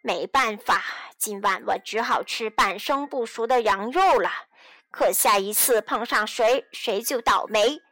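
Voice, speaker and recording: A woman voicing a gruff, bearded male puppet-show master in a children's audio storybook, speaking in a blunt, grumbling way. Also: fairly high pitch, lively intonation, normal speed, fairly bright tone, no echo, faint music behind, pitched below the performer's own voice.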